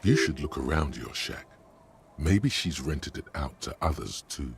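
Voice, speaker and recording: An actor voicing a grave, deliberate game narrator who speaks as the hero's inner voice. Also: male voice, rumbling low, lively intonation, gravelly, slight background noise, heavily acted.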